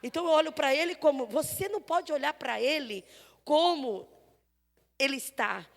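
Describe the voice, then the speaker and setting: Preaching at church with a Brazilian Portuguese accent, this woman brings the story to life by acting out its dialogue and moving between loud and soft. She speaks at normal speed in a creaky voice that sits high, trailed by long reverb.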